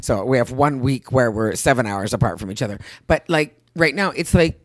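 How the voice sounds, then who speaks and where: A woman's voice: extremely low pitch, expressive, a little fast, dry recording, studio quality. A middle-aged woman co-hosting a casual chat, telling rambling stories and acting out her own thoughts, with casual swearing.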